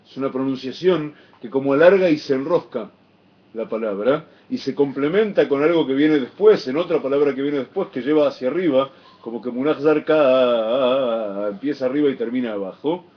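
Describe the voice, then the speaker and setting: A man teaching a Torah lesson, explaining Hebrew text with expressive emphasis and chanted phrases. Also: medium pitch, moderate pace. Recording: dull lo-fi recording.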